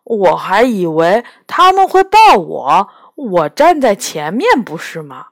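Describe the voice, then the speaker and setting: A woman voicing a gruff, proud male palace beast with a dragon's body and bull horns, blunt and scoffing, in a storybook reading. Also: medium pitch, wildly swooping pitch, takes it slowly, dry recording, clean studio sound, exaggerated voice. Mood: puzzled.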